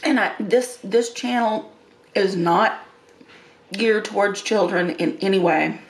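A woman's voice: medium pitch, slow pace. A middle-aged woman chatting casually in a rambling, folksy way as host of an eating show. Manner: folksy, colloquial phrasing. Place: small room indoors. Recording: roomy echo with faint background noise.

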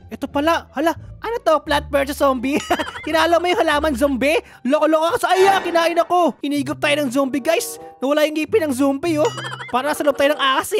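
A woman giving playful gaming commentary, joking and giggling as she talks to the characters on screen. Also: high-pitched. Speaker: gaming YouTuber.

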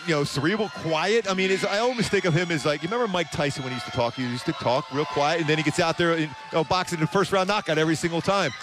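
Speaking fast with hardly any pauses, a fairly high-voiced sports commentator in his fifties offers emphatic, conversational postgame analysis. He works from an open broadcast desk on a ballpark concourse, using a headset mic.

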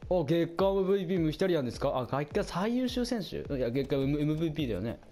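A man doing casual commentary over a football video game, chatting to his viewers and reacting out loud to the plays, his voice getting hoarse. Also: fairly high pitch, lively intonation, quick pace, soft background music. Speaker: gameplay commentator.

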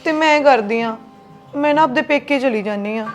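A woman playing a young deserted wife who speaks gently and with sorrow. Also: high-pitched, brisk, faint music behind, natural voice. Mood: sorrowful. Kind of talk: family drama acting.

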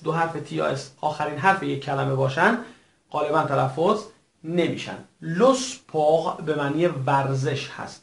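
A man teaching a recorded language lesson in a formal, patient way, repeating each word slowly for his learners. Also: a little high, vocal fry. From Iran. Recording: echoey room.

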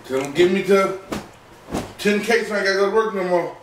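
A man's voice: sits high, fairly quick. Teasing man off camera, far from the mic. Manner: teasing, crude, slangy. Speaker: off-camera companion. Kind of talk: casual banter. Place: indoors, off camera, away from mic. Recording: distant, echoey, faintly noisy.

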